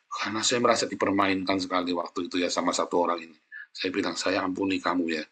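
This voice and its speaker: A man preaching a sermon as a pastor, speaking in a lively, chatty way and often addressing listeners directly. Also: low-pitched, quick pace, husky.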